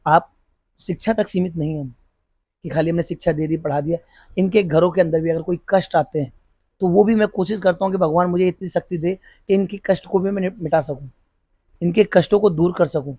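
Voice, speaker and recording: Man, middle-aged, earnest, halting restarts, high voice, dry close sound. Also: dark tone, no room sound. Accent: Hindi. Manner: earnest, repeats and restarts while searching for words. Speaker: police officer running a free school. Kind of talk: interview answers.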